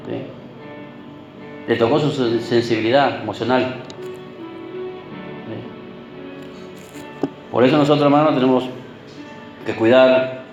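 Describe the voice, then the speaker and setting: A man's voice: medium pitch, reverberant, poor audio. A man preaching a sermon. He keeps checking in with the congregation through short tag questions and repeats words for emphasis.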